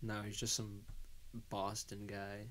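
A man's voice: fairly low pitch, completely flat delivery, takes it slowly, fairly bright tone, slight background noise. A man co-hosting a podcast, trading laid-back, crude banter and laughing often. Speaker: podcast co-host. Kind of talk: casual chat.

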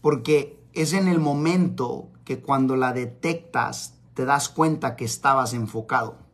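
A man's voice: mid-range voice, measured pace. A man giving a live-streamed motivational talk, emphatic and repeating his key phrases. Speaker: motivational speaker. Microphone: camera mic on live stream.

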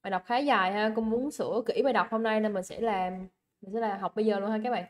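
A young woman teacher with a Vietnamese accent talks fast at a medium pitch while reviewing for an English exam on a livestream. She's chatty and coaxing, repeats words, and keeps checking that her students are with her.

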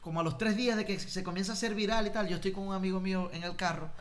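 Animated man telling stories. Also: high voice, rapid-fire. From Venezuela. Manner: animated storyteller who acts out voices in quotes. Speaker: guest singer-songwriter. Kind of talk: casual storytelling chat.

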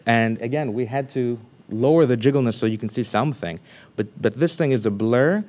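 A man giving a scientific talk at a conference in a lecture room, speaking loosely with restarts and sudden animated bursts of emphasis. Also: mid-range voice, fairly quick.

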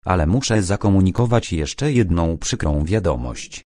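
A man reading the lines of a calm police major in an audiobook, speaking gently and in a measured way. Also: sits low, dry recording, clean studio sound. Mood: grave.

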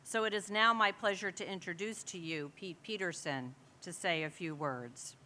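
A woman's voice: on the low side, moderate pace, sharp tone. A woman giving a formal, earnest introduction at an awards dinner. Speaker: co-chair presenting an award.

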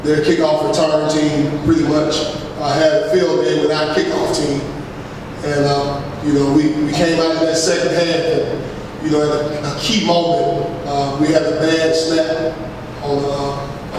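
A middle-aged man, a head football coach, answering press questions after a game in a measured, halting way with many fillers and restarts. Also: fairly high pitch. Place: press room with backdrop, large echoey space. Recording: echoey hall, far mic, noisy.

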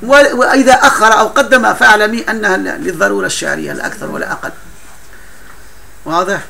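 A man's voice: high-pitched, quick pace, gravelly, pushed and bright, slight background noise. A man teaching a classroom grammar lesson, explaining patiently with frequent laughs and broken-off restarts.

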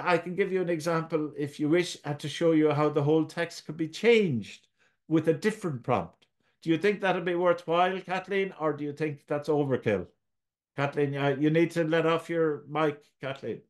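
An Irish man walks viewers through an editing tutorial in a patient, chatty way, narrating every click as he goes. His voice sits a little high for a man, and he speaks over a video call. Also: normal speed. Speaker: tutorial presenter. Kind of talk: screen-share tutorial.

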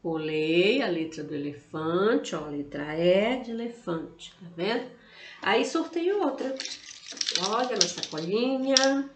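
A Brazilian woman teaching preschoolers, drawing words out slowly to sound out each vowel. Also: medium pitch, animated, a little hiss or hum. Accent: Brazilian Portuguese. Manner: slow, drawn-out words, sounding out vowels for kids. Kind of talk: online lesson for young children. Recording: roomy, echoey room.

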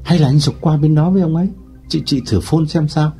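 A man's voice: fairly high pitch, steady tone, fairly quick, mellow, slightly rough, soft background music, voice pushed up. A man reading an audiobook and voicing an earnest, obliging young man. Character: helpful, eager young man.

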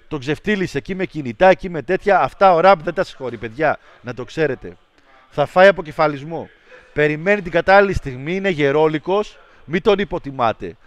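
Guy on his stream mocking people, high voice, super dry sound. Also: no echo. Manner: animated, mocking rants. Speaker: livestream host. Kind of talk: casual stream chat with viewers.

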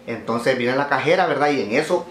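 A man telling jokes to camera in an animated way, often tagging lines with a quick "¿verdad?". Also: mid-range voice, slight background noise. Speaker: joke teller. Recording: roomy echo.

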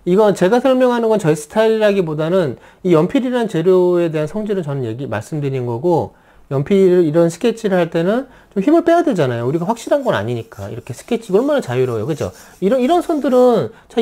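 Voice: medium pitch, dark tone. An art teacher giving a casual drawing lesson, chatty and explaining through everyday examples and rhetorical questions. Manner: chatty, keeps asking listeners to agree.

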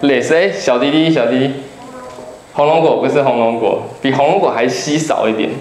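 A man's voice: mid-range voice, fairly quick, a little mellow. Taiwanese man telling travel stories in a hall. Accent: Taiwanese Mandarin. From Kaohsiung, Taiwan. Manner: chatty storytelling, jokes with the audience. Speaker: public lecturer, travel writer. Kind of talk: humorous public talk with slides. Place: lecture hall. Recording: roomy hall with faint background noise.

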